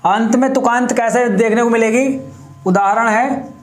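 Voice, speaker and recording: Male grammar teacher, very high voice, slow deliberate explaining, echoey room. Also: steady tone. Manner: repeats terms and examples slowly, checks in with "ठीक है". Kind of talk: explanatory classroom lesson.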